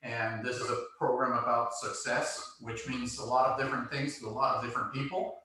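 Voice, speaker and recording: A man's voice: mid-range voice, little pitch movement, a little fast, sharp tone. A male podcast host chatting in a laid-back, self-deprecating way and laughing easily. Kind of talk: casual chat. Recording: very echoey room, far from the mic, faint noise.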